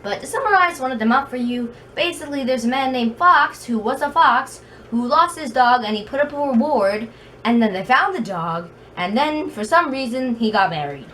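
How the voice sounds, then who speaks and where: A woman with a high voice speaks at a normal speed, sounding animated and a bit bright, with a very slight lisp. A video blogger, she rambles through chatty stories that poke fun at herself. She records in her bedroom on a distant mic, with a fan making noise.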